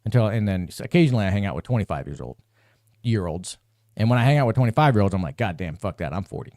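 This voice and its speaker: A man's voice: fairly low pitch, lively intonation, fast, darkish tone, no room sound, studio quality. A man in his forties hosting a solo live-stream podcast, rambling with restarts and building into a profane, exasperated rant. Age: 40s. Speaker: podcast host.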